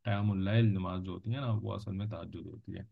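Low gravelly-voiced man teaching a class. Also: fairly even intonation, fairly quick. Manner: patient, repeats points, checks with listeners. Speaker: religious teacher. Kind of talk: explanatory lecture. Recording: dull lo-fi recording.

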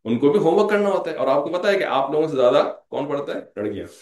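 A man's voice: a little high, sing-song, fast talker, a little mellow. A man delivers an Islamic lecture in a slightly raised voice. He talks conversationally, slips English phrases in, and keeps checking in with his audience. The room is echoey. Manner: conversational, repeats "theek hai" as a check-in; mixes English phrases into speech. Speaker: religious lecturer.

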